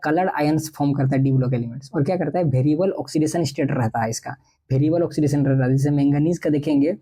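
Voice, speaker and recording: Man, chemistry teacher, mellow husky voice, slow textbook reading then quick explanations. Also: a little high, rough recording. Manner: reads English textbook lines slowly, then explains in quick Hinglish. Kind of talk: exam-prep lecture.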